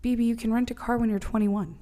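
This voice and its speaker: Teasing and big-sisterly, this late-twenties podcast co-host keeps the chat casual and swears without restraint. She talks fast in a mellow, slightly high voice whose intonation stays fairly even.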